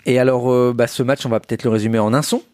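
Fast-talking man co-hosting a podcast. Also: medium pitch, steady tone. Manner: quick, joking, laughs often. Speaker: co-host. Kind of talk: casual football podcast banter. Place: live recording before a small audience.

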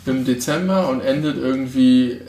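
A man co-hosting a podcast in casual chat, rambling earnestly and getting excited. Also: medium pitch, moderate pace, slight background noise. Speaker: podcast co-host.

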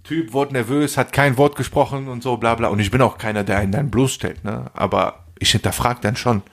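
A man's voice: mid-range voice, brisk, gravelly. A man in his forties, co-hosting a casual podcast chat, telling an anecdote in street slang and acting out the voices of the people in it. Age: 40s. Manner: street slang, animated anecdote with acted quotes. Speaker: podcast co-host.

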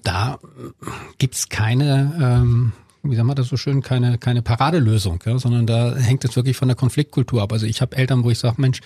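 A middle-aged man, a family counselor, explaining parenting calmly in conversation with some hesitation fillers. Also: medium pitch, normal speed, slightly rough, no room sound. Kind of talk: conversational expert advice.

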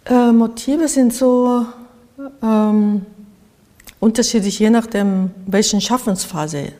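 In a reverberant Berlin studio, an older Japanese artist reflects on interview questions, her accented speech hesitant as she gropes for words in a language not her own. She has a mellow voice pitched on the high side.

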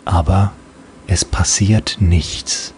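A man's voice: low-pitched, fairly even intonation, extremely slow, a little mellow, slight background noise. A man narrating a comic audiobook in a playful storytelling manner.

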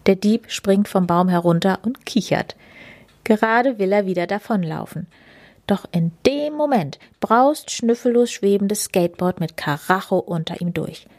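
A woman narrating a children's story in a whispered role-play style, soft and hushed. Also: medium pitch, unhurried, no echo.

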